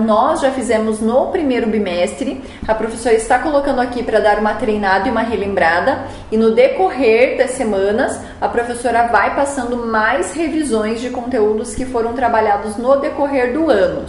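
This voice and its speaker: A woman's voice: on the high side, normal speed, hardly any pauses, roomy sound, slight background noise. A woman from Brazil teaching a remote class, patiently explaining each exercise step by step.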